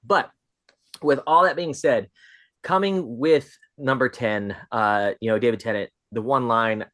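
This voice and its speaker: A man chatting as a livestream guest, telling stories in an excitable, animated way. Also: mid-range voice, a little slow, dry recording. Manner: excitable, animated storytelling with big swings. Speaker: podcast guest. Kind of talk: casual livestream chat.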